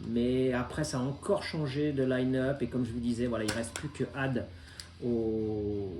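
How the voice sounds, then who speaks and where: A man in his forties talks casually about the records he collects. His voice is mellow and mid-pitched, and he hesitates often while staying enthusiastic. The room around him has a noticeable echo. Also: fairly even intonation, moderate pace, a little hiss or hum. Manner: hesitant, many filler sounds, enthusiastic. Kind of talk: casual chat presenting vinyl records. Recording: roomy echo.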